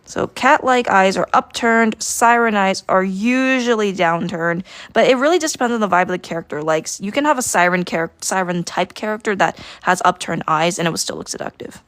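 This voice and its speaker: A woman's voice: medium pitch, a little fast, few pauses, fairly bright tone, dry recording. Giggly woman teaching drawing on stream. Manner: chatty, giggly, thinking aloud while drawing. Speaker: art teacher streaming live. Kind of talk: casual livestream drawing lesson.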